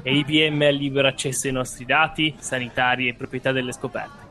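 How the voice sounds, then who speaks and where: A man's voice: mid-range voice, flat delivery, fast talker, bright, forceful tone. A man co-hosting a casual chat, explaining in a colloquial way with trailing asides. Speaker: podcast co-host.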